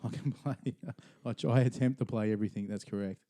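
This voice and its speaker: Dark-voiced Australian man, chatty podcast host. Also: lowish voice, steady tone, fast talker. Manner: chatty, laughing often. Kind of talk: casual chat over beers.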